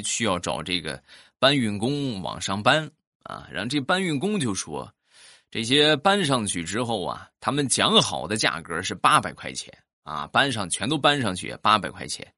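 A man, telling comic family anecdotes in an animated way. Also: lowish voice, no room sound, studio quality. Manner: animated, acts out voices. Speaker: comic storyteller.

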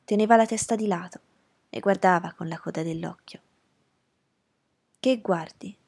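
A woman reading a novel aloud in a calm, measured, soft-spoken way. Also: lowish voice, creaky, breathy edge. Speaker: audiobook reader.

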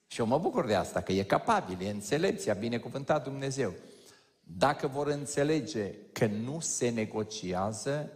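Lively man preaching in a reverberant church. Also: medium pitch. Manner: lively, joking, addresses the audience directly. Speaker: pastor. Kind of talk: conversational sermon to a congregation. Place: large church hall. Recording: long hall reverb.

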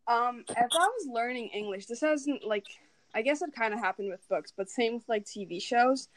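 A woman's voice: a little high, animated, normal speed, dry recording, low-quality recording. A young woman from Turkey, a native Turkish speaker, chatting casually as a podcast co-host, full of "like" and easy laughter. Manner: chatty, many fillers, laughs easily. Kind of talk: casual chat.

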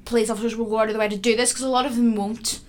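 A woman's voice: on the high side, flat delivery, very fast, darkish tone. A young woman with a Northern Irish accent co-hosting a casual podcast, talking with passion and restarting her sentences often. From Northern Ireland. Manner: impassioned, rambling with restarts. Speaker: podcast co-host.

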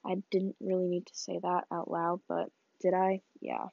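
A woman's voice: fairly low pitch, little pitch movement, normal speed, gravelly, no room sound, dull audio. A teenage woman hosting a casual solo podcast, chatty and rambling, sniffling and laughing as she talks. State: sniffly, coughing. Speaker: podcast host. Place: small bedroom.

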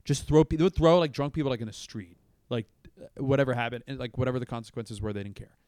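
Deadpan man telling a rambling story. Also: mid-range voice, quick pace, smooth, dry recording. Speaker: comedian guest. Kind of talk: casual storytelling.

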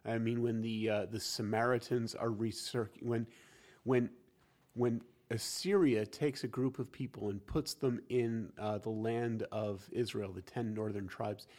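A man's voice: lowish voice, fairly even intonation, a little slow, darkish tone. A man explaining church history in a casual conversational discussion, lecturing with frequent restarts.

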